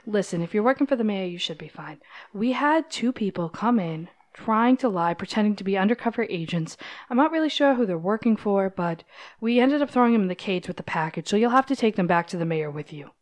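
A woman voicing an elegant, wary club hostess who speaks low and confidingly. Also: expressive, fairly quick, close to an everyday voice.

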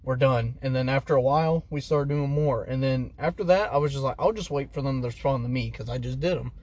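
A young man in casual chat with a friend, telling stories in an animated way and swearing freely. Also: medium pitch, fast talker. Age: young adult. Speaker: friend in conversation.

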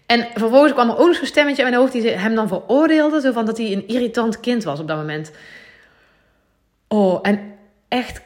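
A woman's voice: a little high, moderate pace. Earnest Dutch woman musing aloud. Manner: earnest, confiding, thinks aloud with many fillers. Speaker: podcast host. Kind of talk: reflective solo podcast talk.

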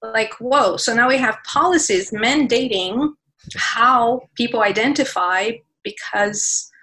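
A woman guest, for whom Portuguese is one of her first languages, speaks passionately in a conversational interview, often restarting her phrases and using fillers. Her voice is fairly high and sharp, she takes it slowly, and the recording quality is low.

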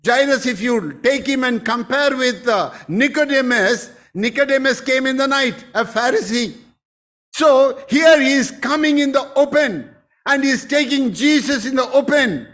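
A man's voice: very high voice, moderate pace, fairly bright tone. A man preaching a sermon as pastor, emphatic and rising into exclamations.

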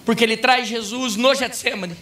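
High-voiced pastor preaching fervently. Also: male voice, steady tone, moderate pace, far from the mic. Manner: fervent preaching, bursting into shouts. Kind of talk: impassioned sermon. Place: church conference hall.

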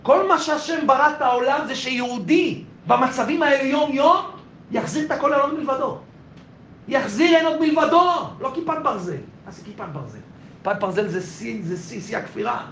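A man's voice: extremely high pitch, lively intonation. A man, a rabbi, giving an emphatic sermon and repeating phrases. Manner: emphatic, repeats phrases, acts out dialogue in soft voice. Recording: echoey room with faint noise.

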